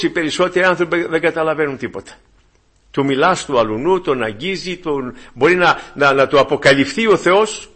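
A man preaching a fervent evangelical sermon to his congregation, swinging between loud emphasis and hushed asides. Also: a little high.

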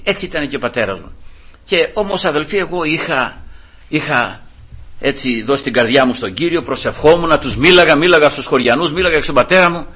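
A middle-aged man from the Peloponnese preaching a testimony sermon in church. His voice is husky and forceful, pitched a little high, and it rises and falls widely as he tells his story. He keeps turning to address the congregation as he goes. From Greece, Peloponnese.

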